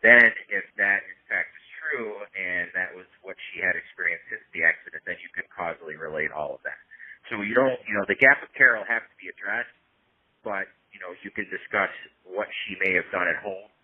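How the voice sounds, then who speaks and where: Over a tinny, narrowband phone line with low audio and no echo, a brisk man gives a colleague casual medical advice. Speaking as a consultant, he explains things step by step and keeps checking in with "right?" and "you know."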